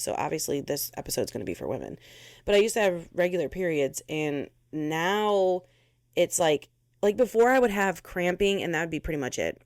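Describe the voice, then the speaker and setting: A woman's voice: deep voice, no room sound, clean studio sound. An American woman hosting her own podcast from her bedroom, venting bluntly and swearing freely in a casual monologue. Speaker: podcast host.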